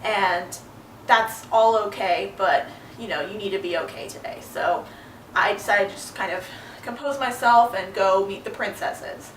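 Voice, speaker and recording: A woman's voice: medium pitch, reverberant, distant mic, slight background noise, poor audio. Young woman telling a personal story. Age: young adult. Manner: earnest, halting, with fillers. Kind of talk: personal monologue.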